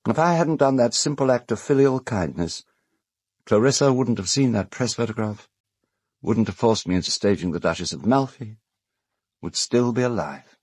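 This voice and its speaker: Voicing the same kind of urbane, cold, self-justifying gentleman in an audio drama, a British-accented actor sounds wistful and reflective here while staying measured, articulate, and dryly ironic. The voice is medium-pitched, animated, slightly rough, with no echo.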